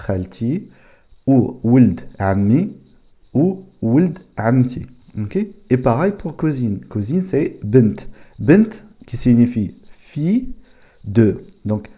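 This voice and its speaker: A man giving a casual spoken language lesson, saying each word slowly and repeating it several times. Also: medium pitch, big pitch swings, dark tone. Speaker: language teacher.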